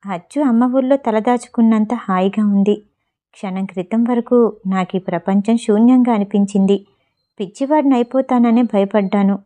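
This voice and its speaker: A woman reading aloud, voicing a distraught young husband in a Telugu audio story with a low, subdued delivery. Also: moderate pace, warm tone, lightly acted. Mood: weary.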